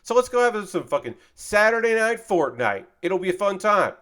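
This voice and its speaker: His voice sits high with big pitch swings and a fairly bright tone, at a normal speed. The man is casually chatting on a livestream during a model kit build, tired and a bit worn-sounding. He's loose and profane, with lots of fillers.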